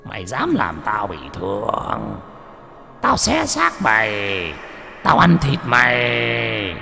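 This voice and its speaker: A man doing a raspy, menacing old shaman. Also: medium pitch, huge pitch swings, bright, forceful tone, soft background music, heavily acted. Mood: raging. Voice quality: hoarse, raspy. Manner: slow, taunting, menacing. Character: evil old male shaman, cruel, gloating.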